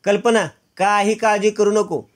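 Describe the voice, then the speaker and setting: A man's voice: high-pitched, little pitch movement, measured pace, pitched above the performer's own voice. A man reading out the lines of a jovial middle-aged father who teases his family. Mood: cheerful.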